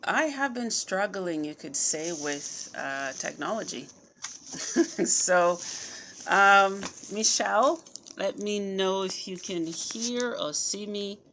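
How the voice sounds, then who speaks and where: A podcast host, a woman with a medium-pitched, animated voice, hosts a casual live-stream chat from her phone on a live video call. She speaks slowly, is soft-spoken at the start, and is chatty, laughing often. There is slight background noise.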